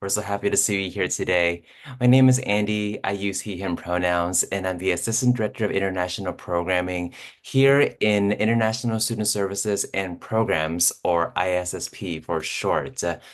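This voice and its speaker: A man's voice: low-pitched, moderate pace. A middle-aged man, a program administrator, giving upbeat, effusive welcoming remarks. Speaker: assistant director of student programs.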